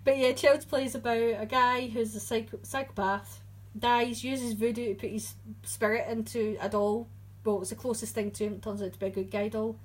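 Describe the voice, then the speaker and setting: Woman, podcast co-host, casual chat, a bit high, breathy voice. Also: fairly even intonation, normal speed, rough recording. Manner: chatty, laughs often, loses her words. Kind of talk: casual chat about horror movies.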